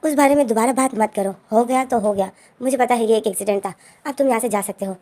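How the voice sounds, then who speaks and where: A woman reading a shy, hushed young student. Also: very high voice, fast. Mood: pleading. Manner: hushed, pleading. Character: shy, embarrassed young male student, upset.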